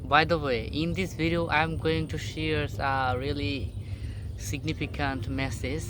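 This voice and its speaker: A young Bangladeshi vlogger, a native Bengali speaker, sits alone on a boat outdoors in a rural area giving a casual motivational talk to camera. His medium-pitched English is halting, full of fillers and restarts, against a noisy background.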